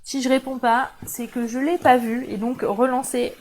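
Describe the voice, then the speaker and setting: A woman's voice: sits high, level tone, moderate pace, slight background noise, low-quality recording. A woman with a French accent hosting a casual live crafting demo, chatting to viewers with frequent laughs. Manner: chatty, warm asides to viewers, laughs often. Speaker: crafting channel host. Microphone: camera mic.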